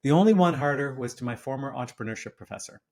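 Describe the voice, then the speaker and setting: A man in his fifties narrates a scripted personal essay for his podcast. His mid-pitched voice is wry and self-deprecating as he tells the story. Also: expressive, fast, darkish tone. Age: 50s. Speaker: podcast host.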